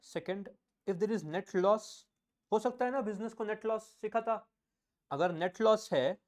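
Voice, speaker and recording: A man with an Indian accent teaching accountancy in a classroom lecture, dictating notes slowly and repeating key phrases, mixing English and Hindi and quizzing his students. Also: sits high.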